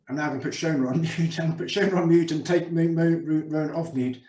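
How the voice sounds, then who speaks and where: A man's voice: a little high, darkish tone. A man moderating a question-and-answer session over a video call, polite and hesitant with many fillers and restarts. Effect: heard over a video call. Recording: echoey and distant video call audio.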